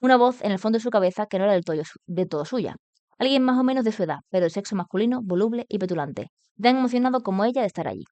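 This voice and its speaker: A woman's voice: mid-range voice, rapid-fire, no echo. A woman with a Spain Spanish accent hosting a book club stream. She reads a novel aloud, fixes her own slips and drops into slangy asides. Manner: slangy and laughing in asides, steady when reading, corrects her own slips. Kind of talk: reading a novel aloud on a livestream, with casual asides. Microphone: streaming mic.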